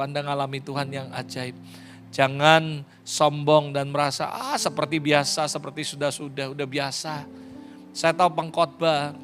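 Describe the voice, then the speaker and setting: A man preaches with passion, his fairly high voice climbing into loud bursts. He drops English phrases into the sermon. Faint music plays behind him. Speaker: pastor.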